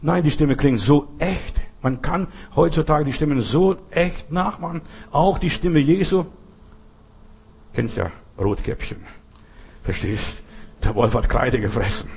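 A man preaching a sermon who talks to his listeners directly, swinging between emphatic bursts and slow, quiet lines. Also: fairly high pitch, lively intonation, creaky, husky. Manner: addresses listeners directly with "weißt du" and "verstehst du".

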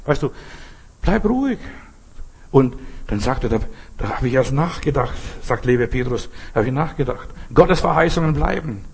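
A man's voice: mid-range voice, a little fast, husky. An older man, a pastor, preaching an earnest sermon and telling stories with acted-out quotes.

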